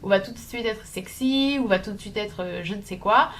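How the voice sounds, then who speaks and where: A young woman from France talking casually to camera at home, thoughtful and halting, with many fillers and restarts. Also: medium pitch, fairly bright tone, slight background noise. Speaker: video essayist.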